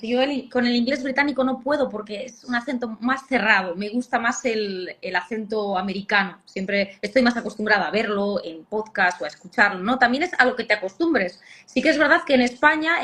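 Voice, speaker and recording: Woman from Spain, philologist guest, slightly high voice, thoughtful with pauses and fillers. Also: a bit bright. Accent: Spanish (Spain). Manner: measured, explaining, many hesitation sounds. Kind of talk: explanatory interview talk.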